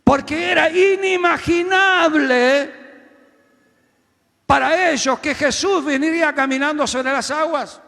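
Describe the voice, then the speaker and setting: A pastor preaches in a very high, bright voice that carries through a long-reverberating hall. He tells his story, then rises into loud, shouted exhortations for his congregation to repeat. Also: takes it slowly, creaky. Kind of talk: sermon.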